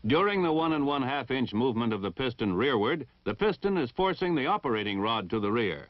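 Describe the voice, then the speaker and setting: An American man with a mid-range voice reads formal, precise instructional narration styled after a 1960 military training film, enunciating in a measured way. The recording is dry, with the dull sound of a 1960 film soundtrack.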